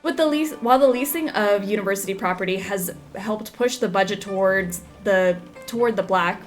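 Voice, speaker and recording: A woman's voice: medium pitch, normal speed, soft background music. A woman giving playful, casual game commentary and reading on-screen text aloud. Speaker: game streamer.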